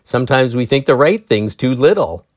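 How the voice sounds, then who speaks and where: A man hosting a meditation talk show, reading an article aloud in a calm, measured way, then adding his own gently wry remarks. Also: medium pitch, no echo, clean studio sound. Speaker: meditation podcast host.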